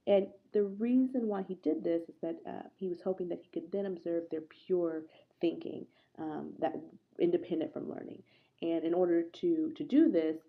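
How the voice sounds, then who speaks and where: A woman lectures a class in a low, gravelly voice. It comes through a tinny laptop mic and sounds hollow and muffled, as if from the bottom of a well. She is conversational and earnest and keeps asking her students questions. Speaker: instructor. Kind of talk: recorded online lecture. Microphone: laptop microphone.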